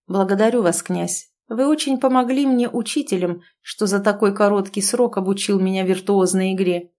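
A woman voicing a calm, scheming young captain who speaks quietly and evenly. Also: medium pitch, natural voice. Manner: quiet, measured.

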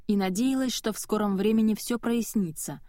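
In clean studio sound with no echo, a woman with a medium-pitched voice reads scripted audiobook narration. Her delivery stays even and measured throughout.

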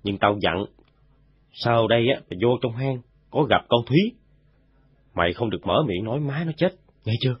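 A man voicing a calm, firm older guerrilla leader who speaks low and hushed. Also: a little fast, long pauses, husky. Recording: dull, dry recording.

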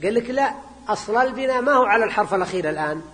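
In a reverberant lecture hall, a man teaching grammar as a sheikh reads a text and then explains it. His voice is high-pitched, animated, and a bit bright, and he repeats phrases and quizzes students with quick questions.

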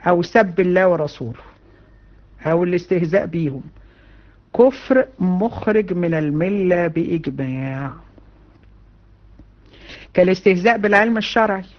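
A woman with an Egyptian Arabic accent giving a religion lesson to women, animated and colloquial, with many rhetorical questions. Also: fairly low pitch, moderate pace, long pauses, highs cut off. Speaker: religion teacher. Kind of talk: lecture to women students.

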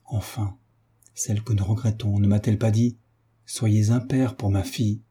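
A tender hunchbacked old nobleman speaks softly and coaxingly, voiced by a male reader. The voice is dark and very husky, sitting a little low. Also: flat delivery, normal speed. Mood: hushed. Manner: gentle, coaxing. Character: kind hunchbacked older nobleman, tender and fatherly.

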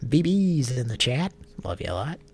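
Recorded with heavy noise, a man with a creaky mid-range voice talks at normal speed with big pitch swings. He runs a livestream full of rambling, irreverent comedic chatter, repeatedly stopping himself partway through sentences.

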